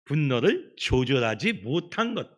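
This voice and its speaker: A middle-aged man preaching a children's Sunday sermon as pastor, in an animated storytelling manner. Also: medium pitch, a little slow, lo-fi sound. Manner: animated storytelling, acts out quoted voices. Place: church sanctuary.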